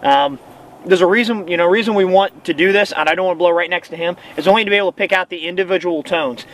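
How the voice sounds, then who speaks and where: High-pitched man giving emphatic hunting instruction. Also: quick pace, fairly bright tone, low-quality recording. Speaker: goose-calling instructor and hunter. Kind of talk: casual instructional talk to camera. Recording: outdoor hum and faint vehicle noise.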